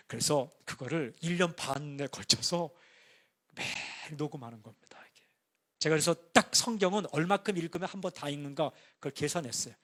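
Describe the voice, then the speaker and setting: A middle-aged pastor with a fairly high voice gives a sermon in an easygoing, anecdotal manner. He moves from calm, chatty storytelling to sudden excited outbursts. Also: husky. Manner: conversational storytelling, bursts into excited singing and shouting.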